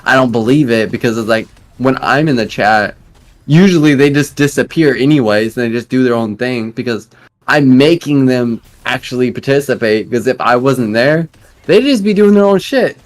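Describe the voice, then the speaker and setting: A man's voice: medium pitch, lively intonation, moderate pace. Rambling twenty-something man on voice chat. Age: 20s. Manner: rambling, many fillers and restarts. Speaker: guild leader. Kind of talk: casual voice chat.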